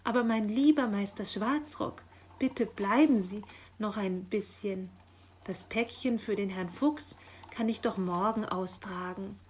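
A woman's voice: medium pitch, unhurried, a little hiss or hum, close to an everyday voice. A woman voicing a fussy, chattering female magpie postmistress in a children's audio story, eager and easily flustered. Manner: eager, flustered, rising excited lines.

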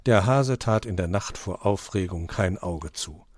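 A man reading a fable aloud in storybook narration, with expressive, varied intonation on a close mic. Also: low voice, a little slow, no echo. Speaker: reader.

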